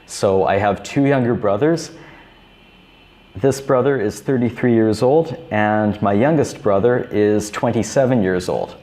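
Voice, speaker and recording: A man in his thirties teaching beginner English, repeating each simple phrase slowly and clearly. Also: fairly low pitch, dark tone. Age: 30s. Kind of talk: slow, repetitive teaching for beginners.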